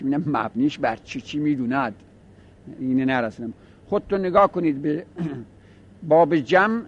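A man's voice: a little high, dull audio. A man giving a step-by-step grammar lesson in a seminary style, mixing quoted Arabic with plain explanation.

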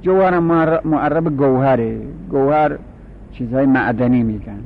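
Man lecturing on grammar, muffled lo-fi. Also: medium pitch. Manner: explains slowly, repeats and drills forms. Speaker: teacher of Arabic grammar. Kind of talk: classroom lecture. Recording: dull lo-fi recording with faint hum.

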